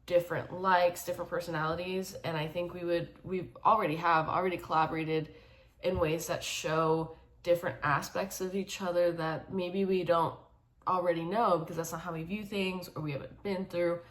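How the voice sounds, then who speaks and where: A woman in her twenties, a film student, speaking thoughtfully with frequent pauses and fillers. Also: on the low side, little pitch movement. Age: 20s. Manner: thoughtful, hesitant, with many fillers. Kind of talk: casual self-introduction.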